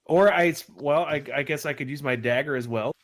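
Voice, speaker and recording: A man's voice: fairly high pitch, brisk, a bit bright. A man playing a tabletop game on stream, rambling and joking in character with plenty of swearing. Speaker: player.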